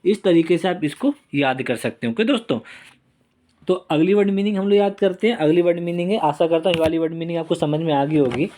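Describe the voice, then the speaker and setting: A man's voice: fairly high pitch, brisk, dark tone. A man teaching exam vocabulary in a casual lesson, repeating key words and checking in with "okay?", joking about his own drawings. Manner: self-deprecating while drawing on screen. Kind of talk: casual Hindi-English exam lesson with mnemonics.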